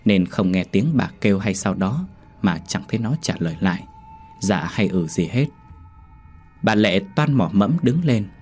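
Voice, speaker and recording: Male narrator for a horror audio story, low and husky, steady delivery.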